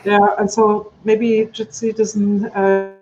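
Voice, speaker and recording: A woman whose first language is German, co-hosting a casual stream chat, talkative and quick to correct herself. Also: mid-range voice, flat delivery, dark tone, faint music behind. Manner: chatty, apologetic, self-correcting. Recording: slightly dull video call audio.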